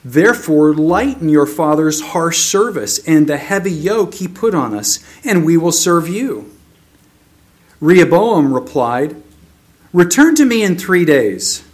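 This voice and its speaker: Slow, expressive male preacher. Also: a little high. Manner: slow, measured reading with lively emphasis. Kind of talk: sermon with scripture reading.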